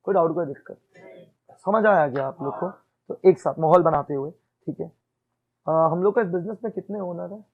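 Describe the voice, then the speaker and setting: A man's voice: a little high, a little fast, breathy edge, phone-quality sound. A male accounts teacher giving a classroom lecture in mixed Hindi and English, often checking "ठीक है?" and quizzing his students.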